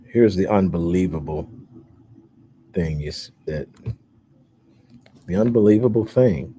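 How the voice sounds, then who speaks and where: A man's voice: sits low, takes it slowly, mellow, a little hiss or hum. A man talking to his followers in a casual, emphatic monologue, with plenty of fillers. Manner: emphatic, indignant, with frequent fillers. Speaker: social media host.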